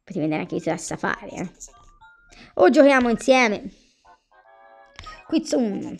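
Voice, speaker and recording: Gravelly-voiced woman playing a game. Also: medium pitch, very animated, a little slow, darkish tone. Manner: chatty, talks to game characters and viewers. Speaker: gameplay commentator. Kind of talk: casual gameplay commentary. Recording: faint background music.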